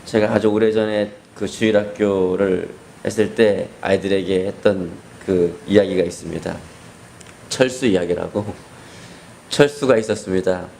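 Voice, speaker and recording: A man's voice: deep voice, normal speed, creaky, darkish tone, a little hiss or hum. A male pastor giving a sermon, telling a story in an earnest, conversational way. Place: hospital basement room.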